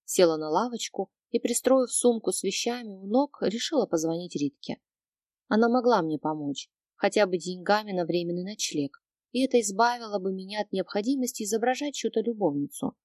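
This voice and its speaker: A woman reads first-person audiobook narration at an even, measured pace. Her voice sits in a middle range. The sound is close and dry. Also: mid-range voice, dry recording.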